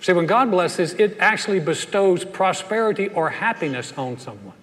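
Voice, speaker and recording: A pastor with a drawl preaches to his church, his voice sitting a little high for a man. He tells homey, joking stories and stumbles into restarts as he goes. His words ring out with a long reverb tail through the sanctuary. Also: expressive, moderate pace, a bit bright. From Southern US, raised in North Carolina. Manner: humorous, anecdotal storytelling with frequent restarts. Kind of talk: sermon. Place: church sanctuary, live service.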